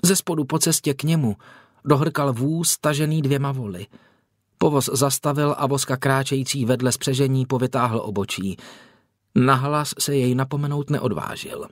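A man's voice: mid-range voice, no room sound. Man narrating a dry, close audiobook. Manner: measured, expressive storytelling. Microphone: close studio mic. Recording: dry studio recording.

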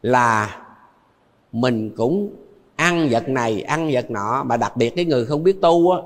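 The sound is of a big room, where an older Buddhist monk with a Southern Vietnamese accent speaks at a measured pace in an animated, mid-range voice. His dharma talk is rich in anecdotes, and he often chuckles and repeats phrases for emphasis.

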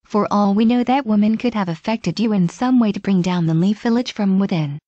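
A woman's voice: mid-range voice, brisk, mellow, no room sound, lo-fi sound, lightly acted. A woman voicing a wary male guard who speaks in a steely, insistent way.

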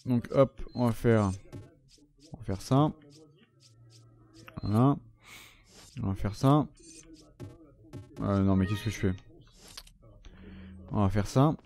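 A man's voice: fairly low pitch, takes it slowly, gravelly, long pauses, a little mellow, soft background music. A man giving casual gameplay commentary, chatting loosely, swearing often and talking to the enemies on screen. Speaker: gaming channel host.

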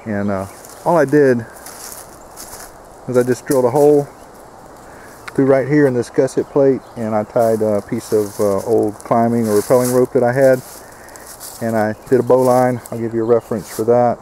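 A man's voice: medium pitch, steady tone, moderate pace, long pauses, mellow, a little hiss or hum. A man giving a casual, step-by-step how-to walkthrough outdoors on a rural homestead, with plenty of filler words. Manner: plainspoken, many uh fillers, explains step by step. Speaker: homesteader demonstrating a build.

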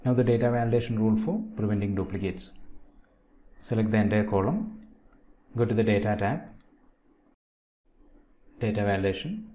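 A man narrating a step-by-step software tutorial, dictating each step in short, separated phrases. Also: fairly low pitch, normal speed, long pauses, highs cut off. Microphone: voice-over on a screen recording. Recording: noisy, with keyboard and mouse clicks.

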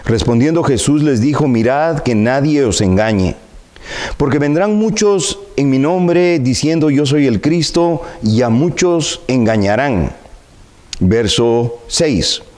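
A middle-aged man preaching a sermon in a church sanctuary, reading scripture and praying in a measured, earnest way on a lapel mic. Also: mid-range voice, animated, a little mellow. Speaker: pastor.

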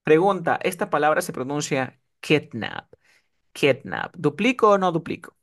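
A man's voice: on the high side, very animated, measured pace, a bit bright. A man teaching English one-on-one over a video call, often checking that his student is following. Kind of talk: one-on-one online tutoring.

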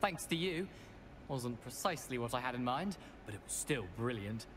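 A man's voice: mid-range voice, animated, normal speed, a bit bright, slight background noise, lightly acted. A man voicing a cheerful wizard student. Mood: friendly. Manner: friendly, upbeat chatter. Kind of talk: video game dialogue.

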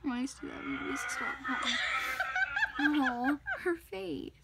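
High-voiced girl trying not to laugh, noisy recording. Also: unhurried, gravelly. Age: child, about ten to twelve. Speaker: reaction video host. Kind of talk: casual reaction commentary. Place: small home room, indoors. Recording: very noisy webcam-style recording with clicks.

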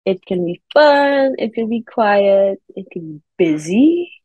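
A slow, sing-song, medium-pitched woman's voice with a breathy edge comes through with no room sound. She's a Caribbean-accented guest in her thirties, an air traffic controller who also writes for children, chatting through interview answers on a video call. The audio is slightly dull.

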